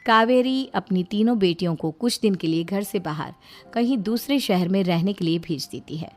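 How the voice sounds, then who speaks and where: A woman narrating a cartoon story in a plain, even storytelling voice. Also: medium pitch, normal speed. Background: faint background music.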